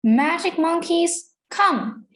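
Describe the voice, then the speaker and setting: A woman's voice: high voice, animated, a little slow. A woman voicing an earnest young farm girl. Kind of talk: storybook read-aloud for English learners.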